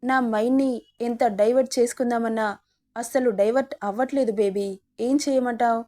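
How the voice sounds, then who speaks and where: A woman's voice: on the high side, steady tone, normal speed, dark tone, lightly acted. A woman voicing a possessive, teasing young male rowdy in an audio story, with a bossy, teasing manner.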